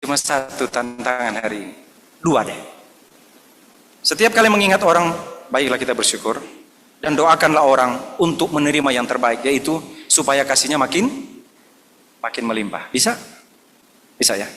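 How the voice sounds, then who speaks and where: A man's voice: mid-range voice, normal speed, pauses often, fairly bright tone. A man preaching a Sunday sermon, telling anecdotes and acting out the voices of the people in them. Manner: storytelling, acting out dialogue in voices. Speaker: pastor. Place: church service. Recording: long church hall reverb, faint noise.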